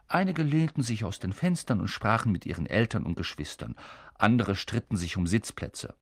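A man reading a children's fantasy novel aloud as a lively, dramatic audiobook narrator. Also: on the low side, normal speed, no room sound, clean studio sound. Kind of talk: scripted narration.

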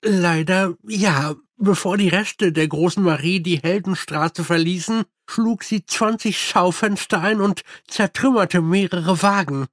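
Man playing army captain, deadpan, drily ironic, slow, hesitant, higher voice, dry. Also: no echo.

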